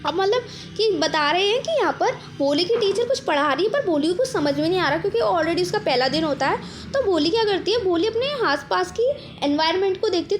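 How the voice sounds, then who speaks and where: High-voiced woman explaining a story lesson. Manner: explains patiently, acts out the characters' lines. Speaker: teacher. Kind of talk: chapter summary lesson.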